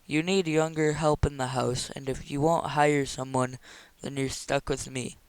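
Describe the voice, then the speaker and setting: A man's voice: medium pitch, fairly even intonation, unhurried, smooth, dry recording, natural voice. A man reading aloud voices a determined, earnest young woman insisting on her plans.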